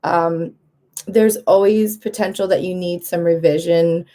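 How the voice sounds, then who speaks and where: Her voice is fairly low and mellow, with fairly even intonation and a slightly slow delivery. A woman in her thirties vlogging casually, she talks candidly to camera, laughs a lot and acts out others' lines in a lifted voice.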